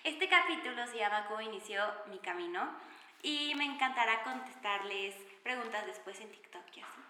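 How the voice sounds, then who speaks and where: Bright-voiced young Mexican woman podcasting. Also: a little high, animated, normal speed, a little hiss or hum. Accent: Mexican Spanish. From Mexico City. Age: young adult. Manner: chatty, warm-hearted and enthusiastic, many fillers. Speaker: podcast host. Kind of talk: personal storytelling podcast. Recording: echoey room with reverb.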